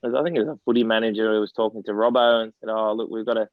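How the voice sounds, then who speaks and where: A man's voice: lowish voice, little pitch movement, rapid-fire, no echo, narrow, tinny audio. An Australian man in his forties, a former footballer telling rambling anecdotes in a casual podcast interview, often laughing as he talks.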